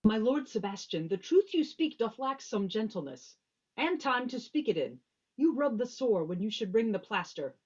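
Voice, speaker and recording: A woman's voice: a little high, sing-song, normal speed, a little mellow, breathy edge. A woman playing an earnest, long-winded, optimistic old courtier in a Shakespearean drama, on slightly dull audio. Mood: mildly reproving. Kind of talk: Shakespearean stage drama performance.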